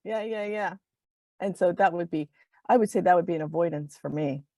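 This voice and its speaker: A woman's voice: fairly low pitch, a little fast, no echo. A woman talking casually in a group conversation, telling stories with lots of giggling. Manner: giggly, animated storytelling. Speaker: guest.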